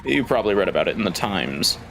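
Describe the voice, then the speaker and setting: A man doing a prim English gentleman professor. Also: low-pitched, sing-song, a little hiss or hum, exaggerated voice. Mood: formal. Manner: measured, formal and polite.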